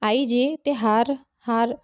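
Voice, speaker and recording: Storybook figure: a woman reading a meek, hesitant young daughter-in-law, fairly high, mellow. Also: normal speed, dry recording, studio quality, close to an everyday voice. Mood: timid. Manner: timid, hesitant.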